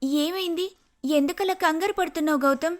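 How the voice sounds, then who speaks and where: A man's voice: very high-pitched, normal speed, voice pushed up. A man voicing a worried young village woman in a cartoon story. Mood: alarmed. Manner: worried, pleading.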